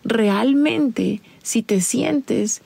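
A woman's voice: fairly high pitch, very slow, vocal fry, warm tone, breathy edge, dry recording. A woman hosting a podcast, speaking directly and confidingly to the listener in a casual advice monologue. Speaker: podcast host.

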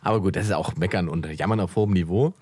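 A man's voice: sits low, quick pace, a little hiss or hum. A man, a comedian and podcast host, chatting casually and telling stories with lots of laughter. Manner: animated storyteller, laughs a lot. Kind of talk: casual chat.

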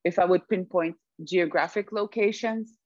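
A young woman raised in Sweden as an interview guest, reflective and quick to laugh. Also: fairly low pitch, a little mellow, no room sound, lo-fi sound. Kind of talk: conversational interview.

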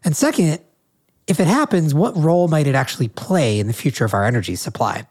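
A man's voice: a little high, lively intonation, brisk, a little mellow. A man hosting a podcast interview, talking articulately with a nasal voice from a cold. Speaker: podcast host.

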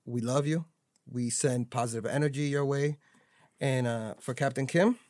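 A man's voice: mid-range voice, normal speed, darkish tone. A man hosting a casual podcast chat, loose and joking, often stumbling and restarting his words. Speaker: podcast host.

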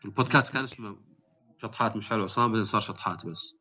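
A man hosts a casual podcast chat and tells his stories with animation. He speaks very fast, in a bright and forceful voice. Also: on the low side, breathy edge. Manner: animated storytelling. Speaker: podcast host.

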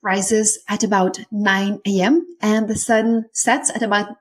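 A woman's voice: medium pitch, level tone, measured pace. A woman in her thirties from Lithuania with a Lithuanian accent, hosting a solo business podcast in an earnest, effusive way. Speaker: podcast host. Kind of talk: warm solo podcast talk.

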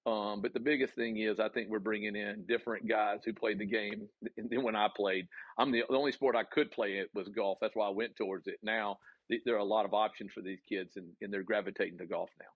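A low-voiced man with a Southern US accent talks earnestly as a guest, pausing often on ums and restarting his sentences. The sound is dull and dry, like a remote call. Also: steady tone, husky, no echo. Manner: earnest, many fillers and restarts. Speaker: college golf coach, guest. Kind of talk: casual interview answers.

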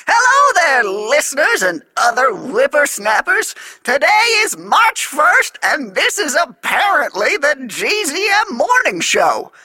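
A woman playing a rambling, hard-of-hearing old man who shouts and grumbles as a kids' podcast co-host. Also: high-pitched, huge pitch swings, measured pace, few pauses, no echo, exaggerated voice. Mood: grumbling. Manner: shouty, grumbling, easily distracted. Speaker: morning show co-host. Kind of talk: kids' podcast character comedy.

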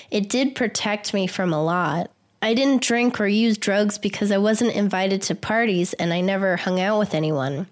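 A woman with a hoarse, sick voice hosting a solo podcast, explaining in an earnest tone. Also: medium pitch. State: hoarse from a cold. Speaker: podcast host.

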